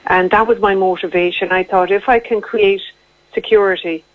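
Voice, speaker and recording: A woman's voice: medium pitch, steady tone, moderate pace, dry recording. A woman with a west of Ireland accent, talking conversationally and matter-of-factly about her own story as a guest in a radio interview. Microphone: telephone. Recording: tinny narrow-band phone line.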